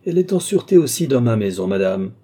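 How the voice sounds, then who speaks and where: Male narrator as a phlegmatic count who commands, husky, dark tone. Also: medium pitch, sing-song, fast. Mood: cool commanding. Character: cool, domineering male count, mesmerist. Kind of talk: audiobook character reading.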